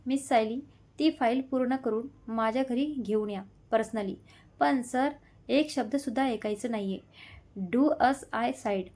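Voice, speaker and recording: Brief: woman doing a cold, clipped young male boss, curt, commanding, storybook audio, slightly raised pitch. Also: unhurried, darkish tone. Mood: curt orders. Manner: clipped, commanding, mixes in English phrases.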